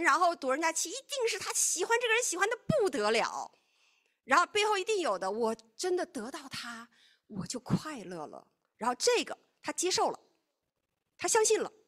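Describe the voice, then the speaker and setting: Delivering a sermon, a woman teaches with animation, alternating between forceful, loud passages and soft, hushed moments. Her voice is very high.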